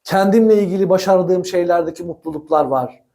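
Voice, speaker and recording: This is a man with a notably high voice, giving an instructional billiards talk to camera. He is animated and chatty, laughs easily as he explains, and keeps turning to the viewers as if they were friends gathered at his practice table. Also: brisk, gravelly. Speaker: billiards coach.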